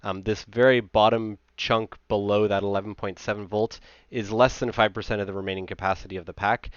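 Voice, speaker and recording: A man in his thirties with a low-pitched voice presents technical material in an informal, conversational way. The recording is dry and close with no echo, and the audio sounds slightly dull and lo-fi.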